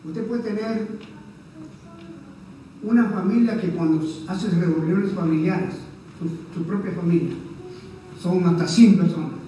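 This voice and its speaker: A man's voice: high-pitched, slow, pauses often, distant mic, background noise. A male pastor preaching a sermon, earnest and conversational, often checking in with his congregation. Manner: earnest, repeats "¿verdad?" to the congregation. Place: church hall. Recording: echoey church room heard from afar.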